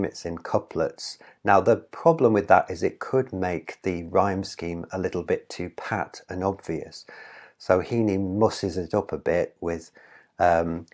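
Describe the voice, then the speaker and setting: A man, a literature professor, giving a recorded introductory lecture, explaining patiently and asking the viewer rhetorical questions with the odd "um". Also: sits low. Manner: relaxed with occasional "um" fillers.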